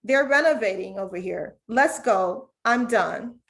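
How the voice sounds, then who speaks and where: A man's voice: high voice, expressive, vocal fry, fairly bright tone, full character voice. A woman reading aloud the lines of an impatient grown man who hurries a child along in a store. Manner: impatient, brisk.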